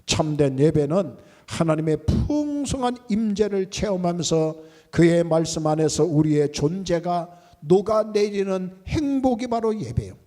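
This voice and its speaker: A man's voice: fairly high pitch, dark tone. A male pastor preaching a sermon with emphasis, often repeating his key words. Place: large church sanctuary. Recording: long church reverb.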